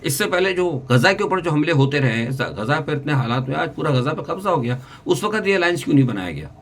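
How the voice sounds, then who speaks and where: A man's voice: fairly high pitch, sing-song, fairly bright tone, slight background noise. A man hosting his own channel, giving unscripted, rambling political commentary with many restarts and English words mixed in.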